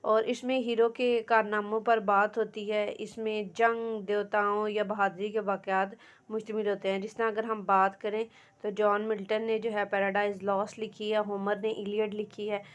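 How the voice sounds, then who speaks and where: A woman's voice: mid-range voice, little pitch movement, moderate pace, clean tone. A young woman, giving a patient lecture on English literature, mixing Urdu and English and counting syllables aloud.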